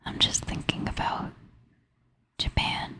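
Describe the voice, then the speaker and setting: A woman speaks almost entirely in a breathy whisper, sometimes rising to a soft half whisper. She takes her time, slow and unhurried, and sounds sleepy and tired. Her whisper has a bright, crisp edge. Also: fairly high pitch. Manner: soft, slow, intimate whispering with gentle laughs. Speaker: ASMR creator. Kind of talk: ASMR whispered chat to the viewer.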